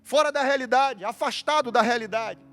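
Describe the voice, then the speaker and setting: A man preaching a sermon, his voice pitched very high for a man. He is impassioned and builds his points through emphatic repeated lists. Faint music plays behind him. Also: moderate pace, a bit bright.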